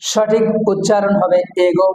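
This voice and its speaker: A man teaching English pronunciation in a classroom, repeating each word slowly and pointing to the board. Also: high-pitched, flat delivery, darkish tone. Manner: slow, drawn-out, repeats each word many times. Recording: echoey room with long reverb.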